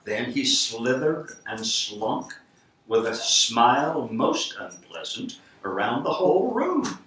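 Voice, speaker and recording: A middle-aged or older man reading a storybook aloud like a grandfather, with theatrical, rhythmic, deliberate delivery. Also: medium pitch, very animated, fairly bright tone. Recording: roomy distant home recording, faint noise.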